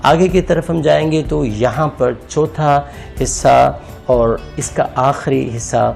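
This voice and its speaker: A man with a rather high, slightly slow and mellow voice with vocal fry teaches an English grammar lesson over slides, with faint music behind him. He patiently repeats words and splits them into syllables, addressing his viewers as friends.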